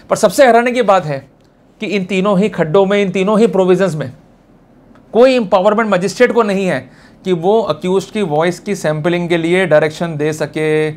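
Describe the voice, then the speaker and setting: A man with an Indian accent and a high-sitting voice delivers an informal law lecture. His style is emphatic and colloquial, and he often throws out rhetorical questions.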